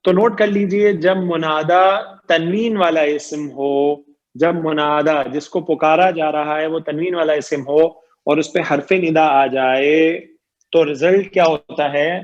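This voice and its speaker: A man's voice: on the high side, steady tone, muffled recording. A man teaching grammar in an online lecture, explaining patiently, quizzing his students and repeating each point.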